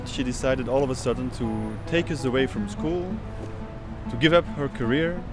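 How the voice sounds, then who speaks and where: A man in his thirties, a Dutch-speaking oud player, talks thoughtfully in a documentary interview, searching for words as he goes. His voice is medium in pitch and normal in speed, with music playing in the background.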